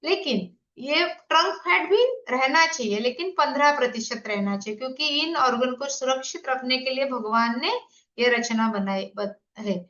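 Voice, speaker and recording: A woman in her 50s, a health coach, walks through slides in an online presentation and poses questions to her audience. Her voice is high and sharp at a moderate pace, and the room sound is echoey, dull, and lo-fi.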